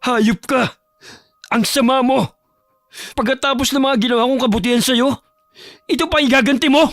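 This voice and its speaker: A man's voice: very high voice, moderate pace, a bit bright, dry recording, studio quality. An actor playing an angry young husband who accuses his sister of cursing his wife, in a horror radio drama. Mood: furious. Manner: furious and accusing.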